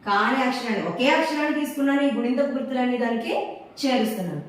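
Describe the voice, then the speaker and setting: High-voiced teacher woman in echoey room. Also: expressive, distant mic. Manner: slow repetitive drilling, asks and answers own questions. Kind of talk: teaching Telugu letter signs to children. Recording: very echoey room, voice away from the mic.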